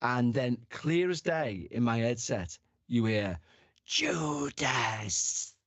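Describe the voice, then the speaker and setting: A man's voice: medium pitch, lively intonation, takes it slowly, no echo. A man telling anecdotes in casual chat, acting out the quotes and swearing casually. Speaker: podcast guest or host.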